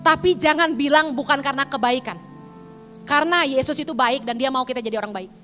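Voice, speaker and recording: A woman preaches in a bright, high voice, telling a story with animated, dramatic bursts. Her voice rings with the long reverb of a large hall. Soft music plays faintly behind her. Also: a little fast. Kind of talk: sermon with personal testimony.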